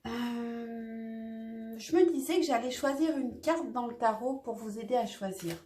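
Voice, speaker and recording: A woman's voice: on the high side, measured pace, warm tone. A woman doing a casual tarot reading, talking hesitantly with lots of fillers and restarts. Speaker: tarot reader. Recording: echoey room.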